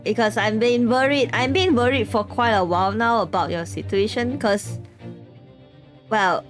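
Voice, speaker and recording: A woman's voice: a little high, moderate pace. A woman streaming a game, chatting casually with her viewers between lines of dialogue. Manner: chatty, talks to her chat while reading. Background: game music.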